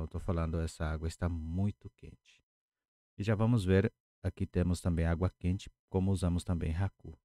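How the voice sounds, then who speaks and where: Low, dark-voiced man teaching words patiently. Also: no room sound. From Paraguay. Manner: patient, repeats words slowly. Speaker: language teacher. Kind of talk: lesson explaining words at a whiteboard.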